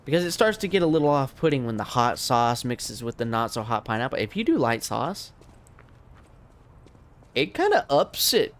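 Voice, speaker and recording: Tired, gravelly American streamer man. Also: medium pitch, big pitch swings, normal speed, fairly bright tone. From United States. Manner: laid-back, rambling, chatting to viewers. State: tired, losing his voice. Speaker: streamer and language teacher. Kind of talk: casual livestream chat while gaming.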